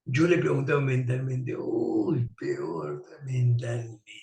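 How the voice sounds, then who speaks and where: A man's voice: medium pitch, big pitch swings, slow, creaky, dark tone. A man telling a personal story as an interview guest. He acts out the dialogue in it. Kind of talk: storytelling anecdote. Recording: roomy, distant mic.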